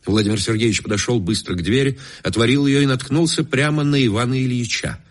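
A man narrating a classic story in a measured, expressive reading. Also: mid-range voice. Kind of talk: literary audiobook narration.

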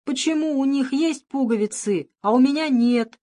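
A woman voicing a spoiled, petulant rich young man who whines and shouts. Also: medium pitch, lively intonation, a little fast, close to an everyday voice. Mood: whining.

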